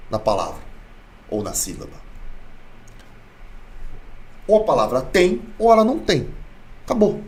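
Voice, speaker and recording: A man's voice: a little high, recorded from a distance. A Brazilian man teaching an online Korean lesson, blunt and playful, repeating key points with emphasis. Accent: Brazilian Portuguese. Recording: echoey room, voice off-mic.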